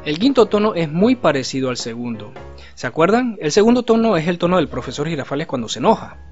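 A man teaching a video language lesson, explaining patiently and slowly repeating example syllables. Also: on the high side, sing-song. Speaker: Cantonese teacher. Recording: slightly dull recording with faint music.

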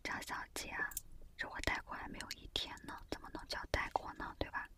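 A woman playing a pushy, smooth-talking shop saleswoman in a whispered role-play, coaxing a customer with persuasive service patter. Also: a little fast, lightly acted.

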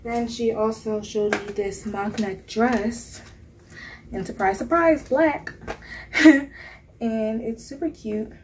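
A young woman vlogger with a slow, somewhat high voice chats casually about her shopping haul in her bedroom, playful and often laughing. A camera mic records her at close range, with slight background noise.

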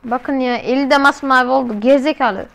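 High, clear-voiced woman reacting casually. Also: brisk. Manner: slangy, exclamatory. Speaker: video host.

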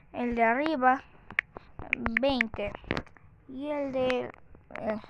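A youthful woman with a high voice talks through a casual game tutorial. She goes slowly and haltingly, thinking aloud. The mic sounds muffled and clearly noisy. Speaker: tutorial host. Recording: muffled lo-fi mic with clicks and noise.

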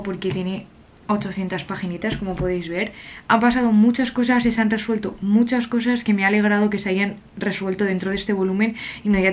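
A young woman from Spain, a little husky from a cold, chatting casually and self-mockingly to her camera in her bedroom. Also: medium pitch. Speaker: vlogger. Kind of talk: casual vlog chat to camera. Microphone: camera at arm's length or on the desk.

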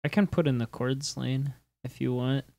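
A man's voice: medium pitch, fairly even intonation, normal speed, gravelly, mellow. A man in the band chatting while writing a song on a livestream, playful, laughing and humming along. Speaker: band member. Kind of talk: casual chat while writing music on a livestream.

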